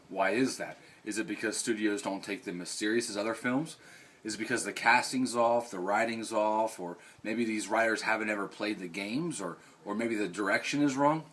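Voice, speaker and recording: Recorded on a distant mic with faint background noise, a male vlog host talks at normal speed in a lowish, fairly bright voice. He chats and comments emphatically, throwing out rhetorical questions.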